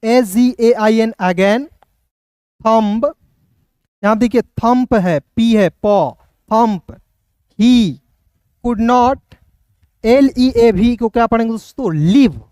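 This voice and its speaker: A man with a Hindi accent teaching English phonics, spelling words letter by letter and sounding them out slowly. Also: very high voice, a little mellow, smooth, dry recording, studio quality. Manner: slow, repeats words, checks with listeners.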